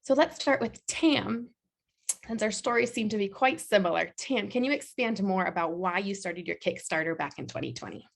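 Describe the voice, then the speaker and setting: A woman's voice: medium pitch, animated, normal speed, creaky. A woman who writes children's books, moderating a panel and inviting the other authors to speak.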